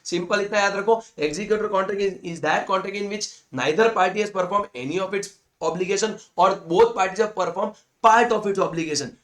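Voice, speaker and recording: A man teaching accounting in Hindi mixed with English. He reads definitions slowly, then explains them quickly, calls his students "guys" and repeats key points. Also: high voice. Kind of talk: lecture explaining slides.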